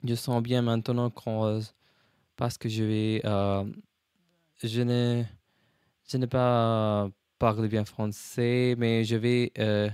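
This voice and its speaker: A man learning French as a second language, with a foreign accent in French, talking casually in a vlog and haltingly searching for words as he switches languages. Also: medium pitch, little pitch movement, a little mellow, clear, resonant tone, dry recording, clean studio sound. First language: not French, a learner. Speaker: language learner, video host.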